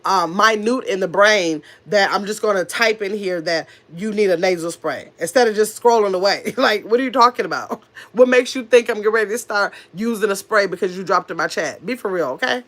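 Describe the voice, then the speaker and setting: Her cold is just setting in, so this middle-aged streamer sounds very nasal and stuffy, though her medium-pitched voice is brisk and a bit bright. Talkative and close to the mic, she fires sassy replies at chat comments and goes off on rambling digressions.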